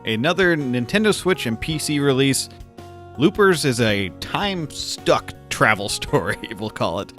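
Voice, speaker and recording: Here a mid-range, fairly bright male voice has a sing-song lilt and a slightly slow delivery. He's a game reviewer hosting a video, keeping his scripted commentary informal, chatty and gently humorous over background music.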